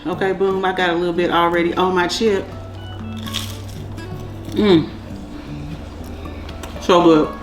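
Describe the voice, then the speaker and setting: A woman's voice: on the low side, little pitch movement, slow pace, long pauses, reverberant, music in the background, poor audio. A woman hosting a casual cooking vlog, chatty and calling her viewers y'all and child. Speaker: cooking channel host. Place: home kitchen.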